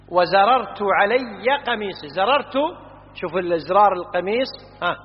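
A man teaching from a classical grammar book, patiently explaining and slowly repeating word forms, checking that his listeners follow. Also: sits high. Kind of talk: classroom lecture. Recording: muffled recording in a reverberant hall.

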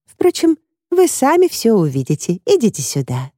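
A woman's voice: on the high side, wildly swooping pitch, moderate pace, dark tone, no room sound, studio quality, pitched above the performer's own voice. A woman reading the lines of a nosy, disapproving woman neighbour in an audiobook. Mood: confiding.

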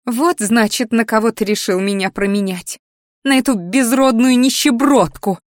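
A woman's voice: fairly high pitch, expressive, normal speed, dry recording, studio quality, voice pushed up, natural voice. A woman voicing a spiteful, jealous young woman in an audiobook reading, scornful and hissing.

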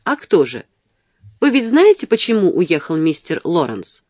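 A coquettish, spiteful young woman, voiced by a woman reading a novel aloud with a lively, rising and falling teasing lilt. Her mockery rides on a fairly low voice, recorded close and dry with no room sound. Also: unhurried, dry recording. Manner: teasing, sing-song. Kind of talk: audiobook character reading.

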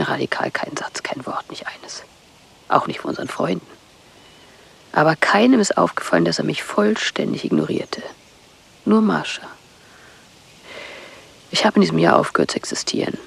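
In a radio play, a woman plays a bitter, hunted wife from a psychiatric clinic, speaking tersely and intensely. Her low voice is husky and breathy, often dropping close to a whisper, and the performance is heavily acted.

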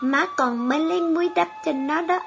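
An eager young village girl, put on by a woman reading a storybook, telling tales in a bright, high voice. The audio is muffled, with faint music behind it. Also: brisk, creaky. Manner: high, chatty.

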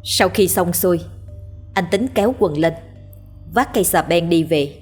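A woman narrating a ghost story in a steady, measured way. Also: fairly low pitch, husky. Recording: faint background music.

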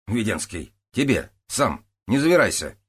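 A man voicing a gruff, blunt police sergeant who scoffs and mocks, read as an audiobook character. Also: on the low side, sing-song, moderate pace, voice pushed up, heavily acted. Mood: scoffing.

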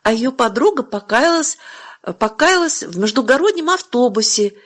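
An earnest, devout little boy speaks in a raised, bright voice that lifts with eager feeling, as a woman reading the story puts him on. He pleads and comforts with childlike sincerity in a storybook reading. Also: on the high side, animated, moderate pace.

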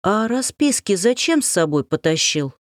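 A woman reading an audiobook, voicing a calm, hoarse police chief who speaks almost apologetically. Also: medium pitch, normal speed, dry recording, studio quality, natural voice.

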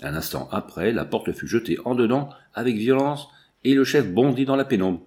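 Guy reading a novel out loud, middle pitch, steady and measured. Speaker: audiobook narrator. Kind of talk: scripted narration.

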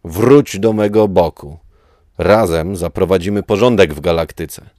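Darth Vader, a man doing a slow, deep, rough-voiced armored dark lord. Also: dry recording, studio quality. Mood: commanding. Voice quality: rough, mask-distorted voice. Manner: slow, taunting menace. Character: menacing armored male dark lord, cold and cruel.

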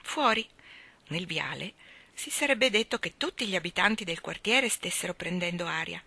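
A woman reading a children's novel aloud in an expressive storytelling manner. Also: lowish voice, normal speed, vocal fry. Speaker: reader. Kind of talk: audiobook reading.

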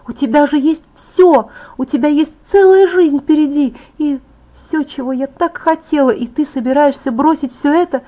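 A woman voicing a proud, beautiful young vampire woman, vain and bitter, in a soft confiding tone. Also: on the high side, normal speed, natural voice. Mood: passionate, angry. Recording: dull lo-fi audiobook audio.

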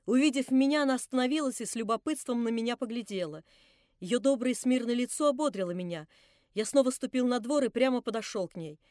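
Brief: female audiobook narrator for literary fiction; measured, dramatic, high, dry sound. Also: lively intonation, a little mellow, dry recording. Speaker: audiobook reader. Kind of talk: classic novel narration.

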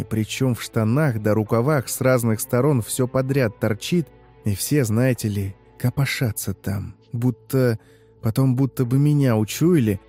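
A man's voice: mid-range voice, warm tone. A man in the role of a taxi driver, telling a horror story in a conversational, confiding way. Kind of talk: scripted horror narration.

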